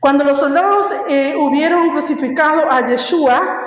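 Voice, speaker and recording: A woman's voice: high voice, normal speed. A woman preaching a sermon, emphatic and asking her listeners questions as she teaches. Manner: emphatic, asks the congregation questions. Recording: echoey hall reverb.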